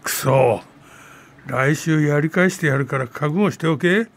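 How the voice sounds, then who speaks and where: A man voicing a boastful, teasing old grandpa in a radio comedy skit, gruff and mocking with a cackling laugh. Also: fairly high pitch, measured pace. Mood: gloating. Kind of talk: scripted radio comedy banter.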